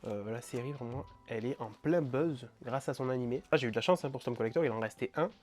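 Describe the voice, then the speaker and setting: Young man, excited vlog chatter, mid-pitched voice, soft music underneath. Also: fast. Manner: enthusiastic, chatty, many fillers. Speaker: manga collecting YouTuber. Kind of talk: casual vlog narration.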